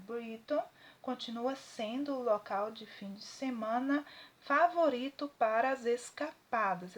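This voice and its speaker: A woman from Brazil teaches an English lesson in a high, clear voice. She talks her students through a text line by line, stopping often with little checking questions. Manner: didactic, frequent tag questions. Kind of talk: classroom lesson, translating a text.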